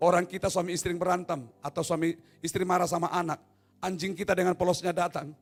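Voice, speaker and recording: A man with a fairly high voice preaching a sermon in a church hall. He swings from hushed asides to shouted appeals and slips teasing jokes in between. Faint music plays softly behind him. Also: fairly even intonation, brisk. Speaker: pastor. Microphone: no mic at times.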